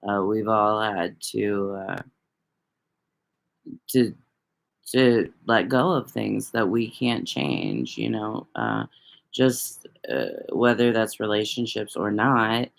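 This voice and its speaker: A woman's voice: very deep voice, vocal fry. A woman hosting a casual livestream, talking loosely to viewers, rambling and swearing freely. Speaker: livestream host reading viewer chat.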